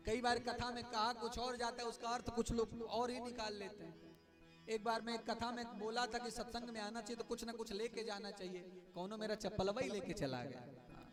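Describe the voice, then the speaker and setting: High-voiced male preacher over loud music. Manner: storytelling, putting questions to the audience, joking. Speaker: Bhagavat Katha preacher. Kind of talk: devotional sermon with storytelling. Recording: live with loud accompanying music.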